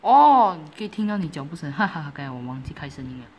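A woman gives casual commentary while she plays a game. She giggles often and breaks into excited exclamations. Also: sits low, fast, slight background noise. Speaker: gaming YouTuber.

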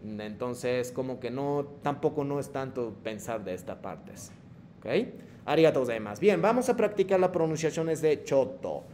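A man's voice: mid-range voice, lively intonation, moderate pace, dark tone, slight background noise. A man teaching Japanese in Spanish, explaining patiently and checking in often with the class. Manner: mixes Japanese phrases into Spanish. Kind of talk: online language lesson.

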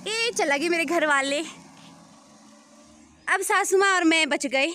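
A woman's voice: very high-pitched, slow pace, sharp tone, a little hiss or hum. A young woman with a Himachali accent, chatting in a rambling, self-correcting way as she films a casual home vlog on her phone. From Himachal Pradesh, India. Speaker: family vlogger.

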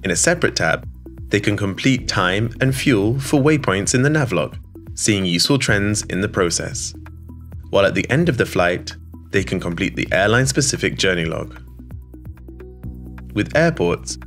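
A man with a slightly low voice narrates a scripted promo in an even, polished studio read. Soft music plays quietly behind him. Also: moderate pace. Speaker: voice-over narrator. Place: studio voice-over. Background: soft background music.

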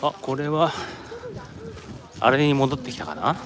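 A man's voice: medium pitch, big pitch swings, a little slow, noisy background. A man from Japan chatting casually on a live stream while walking around an outdoor tourist site, rambling and answering viewer comments. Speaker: live streamer, office worker in Korea.

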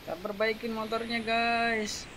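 A man giving excited, exclamation-filled commentary over a game, repeating his lines often. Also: very high voice, a little slow, background noise. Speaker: gaming YouTuber.

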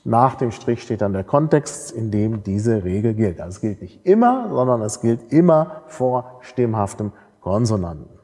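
A man's voice: lowish voice, very animated, moderate pace, hardly any pauses, warm tone, breathy edge. A man giving a university lecture, explaining step by step and often checking in with tag questions and fillers. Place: lecture hall. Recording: reverberant lecture hall.

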